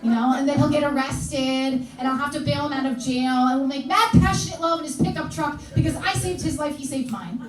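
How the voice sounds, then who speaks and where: A woman's voice: high voice, fairly even intonation, a little fast, hardly any pauses, faint music behind. A woman doing stand-up comedy in a live club, brash and chatty, teasing the audience. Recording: echoey club, heard from far off. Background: audience laughter.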